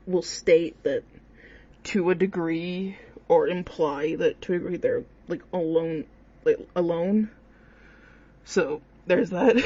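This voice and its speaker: A creaky, a little mellow, medium-pitched voice carries this informal, rambling and hesitant horror-game commentary. The video creator's lo-fi microphone gives a dull sound.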